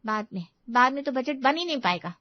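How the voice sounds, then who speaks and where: A woman voicing a quick-tempered, tearful young bride in a cartoon story, with shrill and petulant outbursts. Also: animated, dry recording, highs cut off. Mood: sulky, angry.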